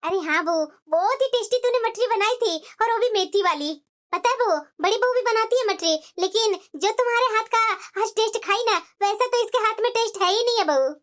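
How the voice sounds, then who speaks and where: A woman's voice: very high voice, fairly quick, a bit bright. A woman voicing a scheming, bossy mother-in-law in a cartoon, scolding and nagging her daughter-in-law. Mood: praising. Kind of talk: cartoon voice acting.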